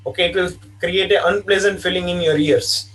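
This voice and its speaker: A man's voice: high voice, fairly even intonation, brisk, fairly bright tone. A man giving an online engineering lecture, explaining patiently and repeating himself, with frequent "okay" fillers. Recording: distant mic sound.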